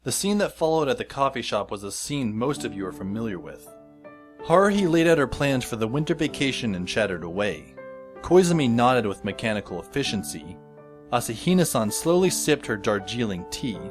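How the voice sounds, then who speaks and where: A man with a mid-range, sing-song voice speaks fairly quickly and naturally, with faint music behind him. He is the narrator and lead actor of a fan audio drama, playing a wry, exasperated teenage schoolboy. His scripted first-person narration is dry and sardonic.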